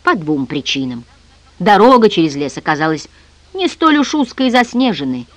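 A narrator voicing a calm grown man who speaks slowly and soothingly, reasoning with a friend, in an audiobook. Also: medium pitch, no room sound, lightly acted.

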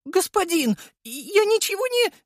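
A bubbly, girlish golem chatters in a very high, drawn-out, childlike voice, put on by a man reading a fantasy audiobook. She gushes and whines like a little girl, slow and sing-song. The sound is close and dry. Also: sing-song, no room sound, exaggerated voice. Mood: sheepish. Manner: gushing, whiny, childlike. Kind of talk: audiobook character voice.

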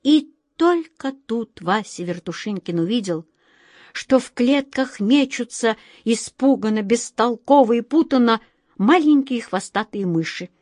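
A woman narrating a children's book as an audiobook, in a measured and expressive way. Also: on the high side, no echo, clean studio sound.

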